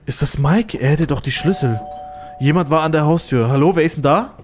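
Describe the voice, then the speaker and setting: A male streamer giving excitable, jumpy commentary on a horror game, swearing when scared. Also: a little high, brisk, a little hiss or hum.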